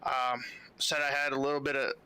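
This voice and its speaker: A man's voice: medium pitch, little pitch movement, a little fast, sharp tone, smooth. A man who races, talking casually on a race broadcast, apologetic and rambling, full of "man" and "dude". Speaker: racing driver.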